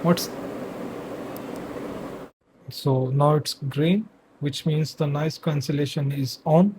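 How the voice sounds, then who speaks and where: A man reviewing a wireless mic in casual, slightly halting English, his voice run through noise cancellation processing. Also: fairly high pitch, steady tone. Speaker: tech reviewer. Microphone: wireless clip-on mic.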